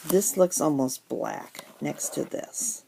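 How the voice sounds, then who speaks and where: Hiccuping as she goes, a middle-aged woman rambles through a crafting haul for her vlog, with lots of ums. Her deep voice is gravelly and mellow, slow yet animated, and the noisy home recording picks up paper crinkling and rustling.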